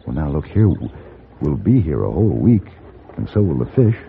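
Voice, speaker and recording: A man with an American accent playing a commanding, gentlemanly gunman who also narrates a radio western. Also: rumbling low, big pitch swings, fairly quick, creaky, a little hiss or hum, full character voice. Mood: easy, companionable. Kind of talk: old-time radio western acting and narration. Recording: tinny vintage radio recording with music.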